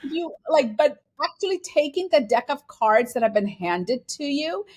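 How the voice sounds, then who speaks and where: Here a woman from Bangladesh speaks as an interview guest; she works as a finance and transformation executive. Her high, somewhat dark voice moves at a measured pace with lively intonation, and her manner is earnest and reflective as she acts out quoted exchanges.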